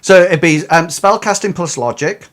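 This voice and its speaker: A man's voice: high-pitched, moderate pace, fairly bright tone. A man narrating as game master, explaining rules and the action to his players.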